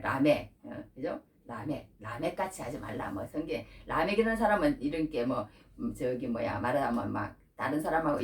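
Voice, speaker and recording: A woman preaching a Bible-teaching sermon, animated and full of rhetorical questions, acting out quoted prayers. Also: sits low, recorded from a distance. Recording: echoey room, voice from off-mic.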